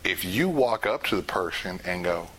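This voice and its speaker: A man with a low, bright, forceful voice leads a casual spoken class. He talks in a chatty way and laughs often. He acts out small scenes as he explains. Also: lively intonation, normal speed, slight background noise. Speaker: class instructor.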